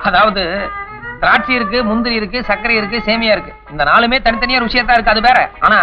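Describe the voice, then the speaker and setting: A man's voice: sits high, fast, dull audio, music in the background, lightly acted. A man playing a smug lecturing bachelor. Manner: boastful, lecturing. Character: pompous young bachelor lecturing friends. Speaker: bachelor hero Madan. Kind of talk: comic film acting.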